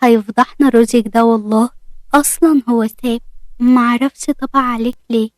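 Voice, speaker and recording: A woman's voice: fairly high pitch, steady tone, a little fast, darkish tone, no echo, close to an everyday voice. A woman reading a bashful young Egyptian bride. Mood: shy.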